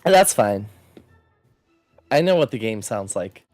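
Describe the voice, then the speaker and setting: Animated man chatting on a game stream. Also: lowish voice, slow pace, soft background music. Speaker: guest co-host on game stream. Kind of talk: casual game stream chat.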